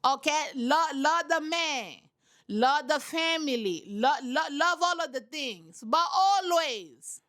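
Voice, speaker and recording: A woman giving casual reaction commentary on a reality TV show, emphatic and preachy, repeating her points and talking straight to her listeners. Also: high-pitched. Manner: animated, talks straight to her audience.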